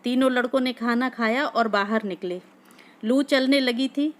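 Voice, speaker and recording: A woman storyteller reading a classic short story aloud. Her narration is steady and measured, and her voice sits a little high.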